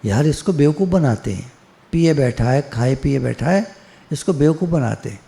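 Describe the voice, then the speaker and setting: A man's voice: medium pitch, expressive, normal speed, gravelly, mellow. A man voicing a group of teasing friends who mock a drunk. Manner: sly, mocking. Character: four teasing pranking male friends.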